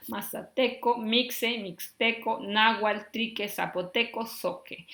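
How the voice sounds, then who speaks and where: Woman teacher from Chiapas, Mexico, slow deliberate pace, bright tone, echoey room. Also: fairly high pitch. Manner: reads lists slowly, checks in with "¿sí?". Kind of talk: classroom lesson.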